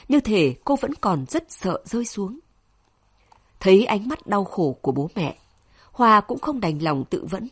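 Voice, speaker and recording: A woman narrating a novel with an expressive, emotional reading. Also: medium pitch, breathy edge. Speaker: audiobook narrator.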